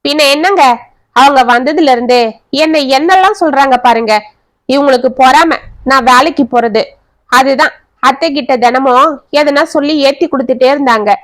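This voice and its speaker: A woman's voice: high voice, moderate pace, fairly bright tone. A woman voicing a curt, defensive young wife who talks back with scorn. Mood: scornful.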